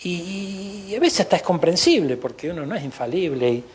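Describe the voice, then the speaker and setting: A man's voice: high-pitched, expressive, fairly quick, slightly rough. A man with an Argentine Spanish accent preaching a sermon as pastor, emphatic, with frequent asides of praise.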